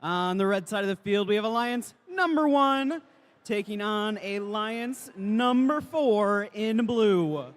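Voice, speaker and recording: A man's voice: sits high, animated, slow. A man announcing a live competition as the event's MC, introducing the sides and explaining the stakes. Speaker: robotics event MC. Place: large competition venue.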